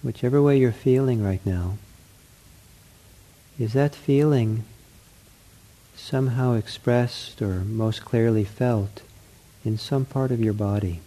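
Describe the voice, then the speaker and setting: A man leading a guided mindfulness meditation, speaking gently in short, unhurried phrases with an accepting, reassuring counselor's manner. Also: medium pitch, low-quality recording.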